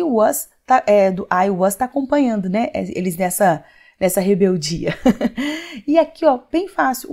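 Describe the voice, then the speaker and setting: A woman's voice: a little high, warm tone. A young adult woman from Brazil, an English teacher giving an online grammar lesson in a chatty way. She acts out imagined student questions in her own voice and often adds tag questions and stretched words for emphasis.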